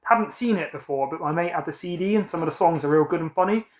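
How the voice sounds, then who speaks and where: Speaking fast in a fairly high voice, a British man in his thirties shows off his film haul, chatting in an upbeat, rambling way and self-correcting often. The sound is reverberant.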